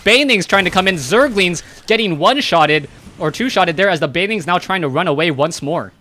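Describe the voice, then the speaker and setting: Guy with a high bright voice doing quick play-by-play, gets hyped in fights. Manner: brisk play-by-play, rising excitement in fights. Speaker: esports caster. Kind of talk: play-by-play commentary.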